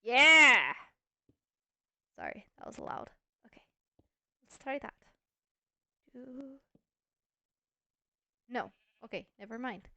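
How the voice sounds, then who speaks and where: A woman's voice: fairly high pitch, animated, slow pace, pauses often, dry recording. A woman hosting a casual gameplay video, chatty and thinking aloud with playful self-mockery. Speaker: Minecraft let's-play host.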